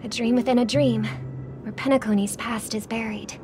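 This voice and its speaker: An actress voicing a graceful young singer, speaking softly and earnestly in a video game. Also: female voice, on the high side, steady tone, normal speed, background noise, natural voice. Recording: game audio with music behind.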